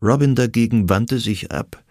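A man reading a historical novel aloud in the first person, in a measured, even narrating manner. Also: medium pitch, dry recording, clean studio sound. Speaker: audiobook narrator.

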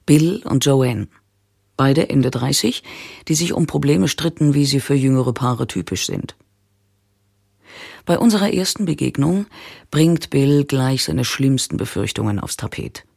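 A couples therapist reading a calm, measured narration. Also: medium pitch, gravelly, no echo, clean studio sound. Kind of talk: scripted narration.

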